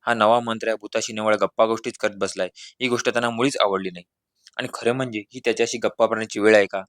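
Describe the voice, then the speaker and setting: A man reads a humorous village tale aloud at an even, measured pace. His voice sits low and the recording is close and dry, with no room sound. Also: no room sound. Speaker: storyteller. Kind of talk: scripted humorous story narration.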